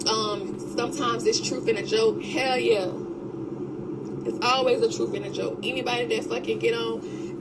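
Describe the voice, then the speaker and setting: A young woman in a heated, unscripted livestream rant, blunt and profane, hammering her points through repetition. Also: fairly high pitch. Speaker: social media livestreamer. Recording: very noisy livestream audio.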